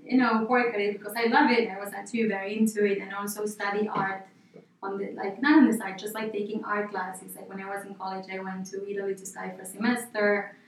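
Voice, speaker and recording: A woman's voice: mid-range voice, recorded from a distance, slight background noise. Argentine woman guest in an echoey room. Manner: rambling, casual, many fillers and restarts. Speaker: interior designer, guest. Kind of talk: podcast interview. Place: office.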